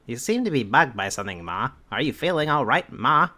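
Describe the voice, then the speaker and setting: A man voicing a calm, caring cartoon meerkat son, speaking with gentle concern and reassurance. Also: medium pitch, a little fast.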